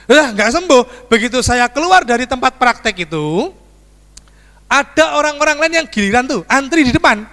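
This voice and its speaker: Animated pastor in a reverberant church. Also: male voice, extremely high pitch, normal speed. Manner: animated, acts out screams and dialogue, addresses congregation as "saudaraku". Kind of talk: storytelling sermon. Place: church sanctuary.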